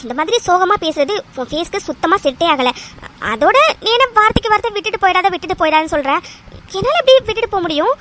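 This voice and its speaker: A woman voicing a very high, playful bride-to-be. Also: animated, fast talker, background noise. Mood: flustered. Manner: teasing and affectionate, fond of exclamations. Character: playful young woman engaged to be married. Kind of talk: cartoon voice dub.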